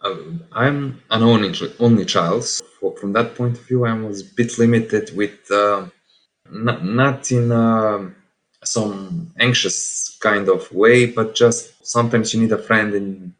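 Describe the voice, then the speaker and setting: A man of twenty-nine with a Serbian accent, talking reflectively as an interview guest, often halting and rephrasing his words. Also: lowish voice, fairly even intonation, poor audio. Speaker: podcast guest.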